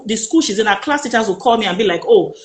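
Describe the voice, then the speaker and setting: A woman with a Nigerian accent, a guest telling her personal story in an interview, animated and emphatic, acting out the voices of the people she quotes. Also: mid-range voice, fast, echoey room. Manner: animated, emphatic retelling that acts out quoted speech.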